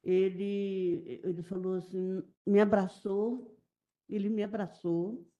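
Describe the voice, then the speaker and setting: A middle-aged Brazilian woman giving halting, repetitive, emotional testimony as a witness in a courtroom. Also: mid-range voice, steady tone, mellow, muffled recording. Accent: Brazilian Portuguese. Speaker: witness testifying in a jury trial.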